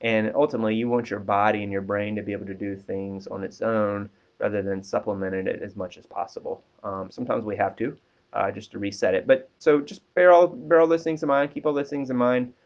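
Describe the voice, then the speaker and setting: Casting Man, lower voice, counselor giving easygoing advice, lots of fillers, dull lo-fi recording. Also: fairly quick. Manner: relaxed, many ums and restarts. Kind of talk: casual advice talk. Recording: dull lo-fi sound.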